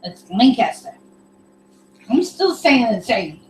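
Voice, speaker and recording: Slow-talking giggly woman in echoey room. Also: mid-range voice, expressive, far from the mic, a loud crowd. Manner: reads viewer comments aloud, giggly. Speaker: livestream co-host reading chat. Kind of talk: casual livestream chat. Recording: echoey room with faint hum.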